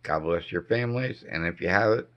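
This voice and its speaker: A middle-aged man with a hoarse voice impaired by throat cancer treatment, giving a halting, casual update at home with many pauses. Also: sits low. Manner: slow, halting delivery with frequent ums. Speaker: homestead vlogger. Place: dim living room indoors. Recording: dull lo-fi camera audio.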